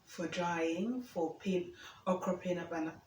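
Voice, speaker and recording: A woman with a fairly low, slightly mellow voice speaks unhurriedly with fairly even intonation, and there's slight background noise. She's a cooking vlogger from Uganda, casually talking while prepping food in her home kitchen and often asking "okay?". A distant camera mic produces a roomy sound with faint ambience.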